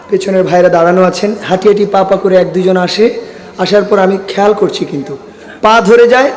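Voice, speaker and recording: A man from Sylhet, Bangladesh preaching a sermon to a large gathering. He rouses the crowd, calls for their responses and jokes with them, and his throat sounds strained. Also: high-pitched. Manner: jokes with the audience. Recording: long hall reverb.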